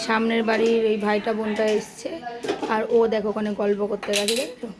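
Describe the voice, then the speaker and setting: A woman with a high voice narrates a home vlog as she films her small son, half coaxing and half scolding him in an exasperated way. She records on a phone indoors, with a faint hiss of noise behind her. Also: completely flat delivery, brisk. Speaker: vlogger filming her toddler.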